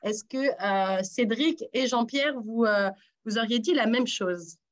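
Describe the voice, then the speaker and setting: A woman hosting a radio sports quiz in a lively, teasing way, encouraging the contestants. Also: on the high side, unhurried. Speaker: quiz host.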